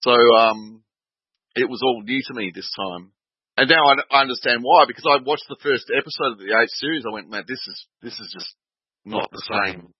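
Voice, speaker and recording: A man's voice: medium pitch, slightly rough, no room sound, muffled recording. A man chatting casually over an online call through a new headset, his mic audio crackling, popping and distorting, and he stumbles and repeats words as he talks. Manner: halting, repeats words while searching for them. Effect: crackling, popping, distorting microphone audio. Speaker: guest on a group call. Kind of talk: casual chat.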